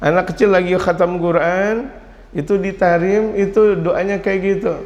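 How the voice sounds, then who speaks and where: A middle-aged man preaching at a religious study gathering, his voice sitting a bit higher than most men's. He tells stories with lively swings, quoting Arabic and then joking in casual speech. A long reverb hangs in the hall around him. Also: normal speed. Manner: animated storytelling, mixing Arabic quotes with casual Indonesian, sudden jumps in pitch. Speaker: Islamic preacher.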